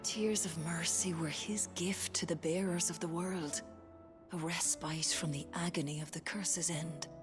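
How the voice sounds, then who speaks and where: An actress playing a weary, grieving young woman healer who speaks quietly and steadily in a game scene. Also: on the low side, fairly even intonation, close to an everyday voice. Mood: somber. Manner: quiet, measured, somber. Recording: game audio with clear music behind.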